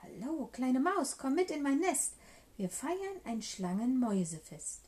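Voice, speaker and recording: Woman doing a sweet-talking storybook snake, sly, lilting, mellow, slow. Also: high-pitched, very animated, voice pushed up. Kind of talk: children's storybook voice.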